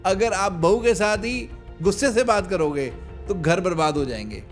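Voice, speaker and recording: A man with a fairly high voice hosts a reaction video as a matchmaker. He talks straight to viewers in casual commentary and explains what they should take from each clip. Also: lively intonation, normal speed, faint music behind. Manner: explaining, advising viewers directly.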